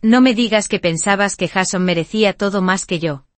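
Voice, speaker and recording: A woman narrating a first-person dramatic story in an even, steady storytelling manner. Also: medium pitch, a little fast, no echo.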